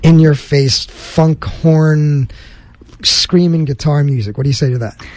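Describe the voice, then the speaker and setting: A man's voice: fairly high pitch, measured pace, a little mellow, dry recording. A man from Philadelphia hosting a college radio show, trading jokes and telling stories in casual banter. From US East Coast, Philadelphia. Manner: joking, storytelling, playful.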